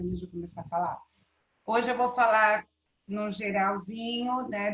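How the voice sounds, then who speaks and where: A woman teacher with a Brazilian Portuguese accent giving a live online class, checking in with students often. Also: mid-range voice. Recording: roomy, dull lo-fi sound.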